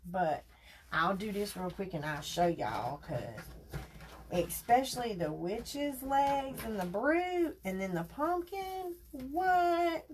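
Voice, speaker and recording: A woman's voice: medium pitch, sing-song, slow pace, slight background noise. A woman, chatting casually with her viewers as she hosts a crafting livestream. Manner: chatty, talks to viewers directly and folksy. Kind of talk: casual live chat while crafting.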